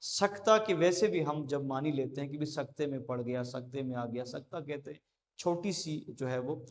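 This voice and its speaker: Man teaching at a board, echoing hall. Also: a little high. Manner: explains with many pauses and fillers. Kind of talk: classroom lecture at a board. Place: classroom with a board. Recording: long hall reverb.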